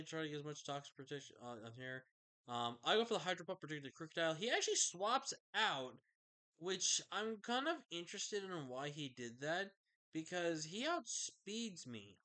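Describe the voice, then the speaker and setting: Sleepy, bright-voiced game commentator man. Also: fairly high pitch, clean tone. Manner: chatty, loose, with fillers and self-corrections. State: sleepy, yawning late at night. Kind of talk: casual gameplay commentary.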